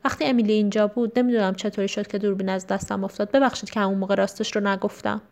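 A young girl, timid and guilty, speaking softly and haltingly. A woman storyteller puts her on. It is a gentle read-aloud children's story. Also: mid-range voice, level tone, creaky, natural voice. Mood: hesitant. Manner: small, hesitant voice.

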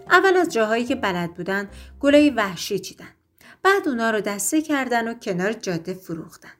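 A woman reads a children's story aloud in a soft, even storytelling voice. Her voice sits slightly high.

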